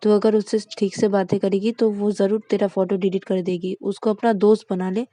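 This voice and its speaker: A woman's voice: medium pitch, little pitch movement, a little fast, dark tone, dry recording, close to an everyday voice. A woman voicing a bossy young woman who gives blunt, insistent advice. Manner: insistent, giving orders.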